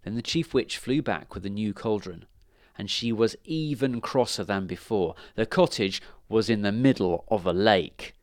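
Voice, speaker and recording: A man reading a children's story aloud in an expressive, lively way. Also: fairly low pitch, moderate pace, no echo, clean studio sound.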